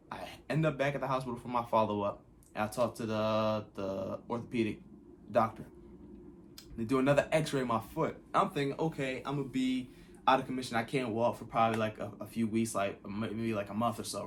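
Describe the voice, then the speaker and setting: A man's voice: medium pitch, a little fast, a little hiss or hum. A young man casually telling a personal story, loose and slangy. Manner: laid-back slangy retelling. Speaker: vlogger.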